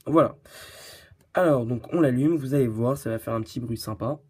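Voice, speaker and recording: Against a noisy background, a man with a medium-pitched voice reviews a product at a moderate pace for his tech channel. His delivery is hesitant and riddled with fillers and restarts, with giggly, self-deprecating humor.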